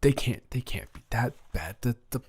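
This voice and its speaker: A man's voice: medium pitch, animated, moderate pace, darkish tone, breathy edge. A man performing a romantic audio role-play as an anxious, shy new boy at school who stammers and restarts his sentences nervously.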